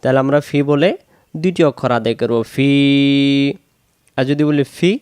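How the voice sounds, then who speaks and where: A man teaching Quran recitation, slowly repeating syllables to drill pronunciation. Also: medium pitch, darkish tone, no echo, clean studio sound. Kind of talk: recitation lesson.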